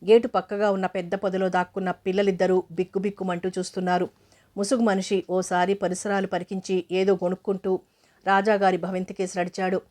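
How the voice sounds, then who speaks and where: A woman narrating an audio novel in a steady, even storytelling manner. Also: medium pitch, a little fast.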